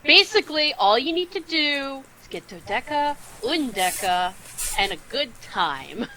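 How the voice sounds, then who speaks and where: A woman playing a tabletop game over a call, animated, often laughing and slipping into character. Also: high-pitched, a little slow, a little hiss or hum, poor audio. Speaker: player.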